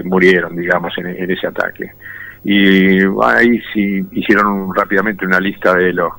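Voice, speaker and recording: In poor audio, a man in his fifties from Argentina speaks in a deep voice with a fairly bright tone. A war veteran, he recounts his own experiences during an interview in a reflective, storytelling manner.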